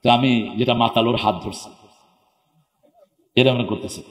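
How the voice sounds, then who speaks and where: Speaking a little slowly in a medium-pitched voice, a man preaches an Islamic sermon at a public gathering. He asks the crowd questions and supplies the answers himself, sometimes slipping into chanted phrases, while the hall's long reverb echoes around him.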